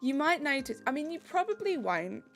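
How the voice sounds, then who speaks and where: Light music plays behind this British woman as she streams a game and cheerfully reads her chat aloud in casual conversation. She speaks at normal speed in a high voice with big pitch swings.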